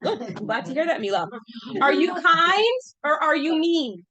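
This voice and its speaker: A woman's voice: high-pitched, very animated, a little slow, pushed and bright, muffled recording, a little hiss or hum. A woman in her thirties teaching an informal class, chatty and full of fillers, asking the group questions as she goes.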